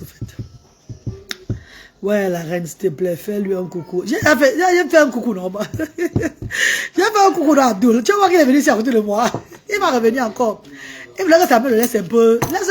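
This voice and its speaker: Woman host on a live stream, a bit high-pitched, lively and coaxing. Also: moderate pace, breathy edge. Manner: animated, coaxing a child between remarks to viewers. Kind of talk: casual live-stream chat with viewers.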